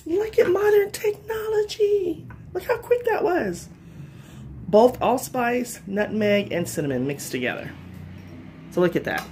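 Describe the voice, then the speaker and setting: A woman's voice: sits high, animated, unhurried, a little mellow, slight background noise. A middle-aged woman hosting a casual home cooking show from her kitchen, chatty and upbeat, talking straight to viewers.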